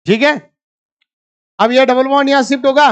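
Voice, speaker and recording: A man's voice: very high voice, steady tone, moderate pace, highs cut off. A male chemistry teacher lectures a live class. He keeps a teasing, bantering tone with his students. He works through each problem step by step and calls on them for the answers.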